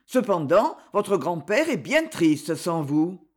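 A woman reading aloud as an old male servant, speaking slowly and haltingly with deep emotion. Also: big pitch swings, full character voice. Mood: gentle.

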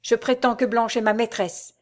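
A woman voicing a defiant young officer in an audiobook, with calm, cold-blooded delivery. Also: fairly high pitch, moderate pace, close to an everyday voice. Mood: coldly defiant. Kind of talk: audiobook dialogue reading.

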